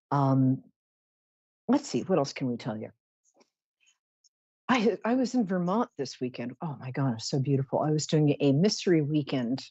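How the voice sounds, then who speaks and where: A woman's voice: low voice, warm tone, slightly rough, dry recording, lo-fi sound. A woman hosting a live psychic show in a chatty monologue, with a campy, theatrical, drag-queen-like delivery and playful, tongue-in-cheek grandiosity. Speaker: psychic radio show host.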